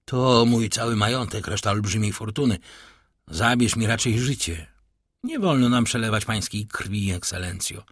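A man reading a classic novel aloud as an audiobook narrator, voicing all the characters with lively intonation. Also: mid-range voice, husky, dry recording, clean studio sound.

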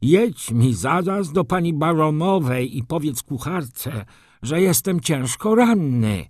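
A man voicing a vain, flustered nobleman in an audiobook, talking in a shrill, fussy voice. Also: sing-song, takes it slowly, darkish tone, dry recording, clean studio sound. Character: shrill vain old-school male baron.

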